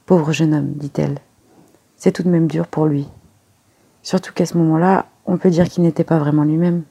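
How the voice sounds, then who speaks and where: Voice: mid-range voice, fairly even intonation, moderate pace, vocal fry, mellow, husky. A reader voicing a chatty, gossipy young maid who talks eagerly and giggles.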